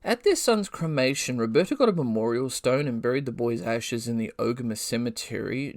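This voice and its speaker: A man hosting a podcast, reading scripted true-crime narration in a measured way with skeptical asides. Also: medium pitch, no room sound.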